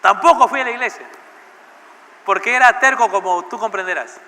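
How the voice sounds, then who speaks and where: A man's voice: high-pitched, brisk, sharp tone. A male pastor telling a personal story in a sermon and putting questions to the congregation, in a church with a long echo. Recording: church hall with long reverb.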